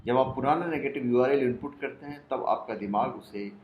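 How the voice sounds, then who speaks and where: A man talks through a self-help technique one step at a time, in a steady, explanatory manner. His voice sits at a middle pitch. The recording sounds roomy, with a faint hiss underneath. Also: moderate pace, dull audio. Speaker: self-help video narrator. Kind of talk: scripted instructional narration. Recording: echoey room with faint noise.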